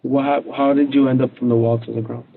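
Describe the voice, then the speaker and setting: A man questioning a witness as a police detective, calm and probing, recorded on a tinny line. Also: mid-range voice, brisk, vocal fry. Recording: tinny phone-like interview recording.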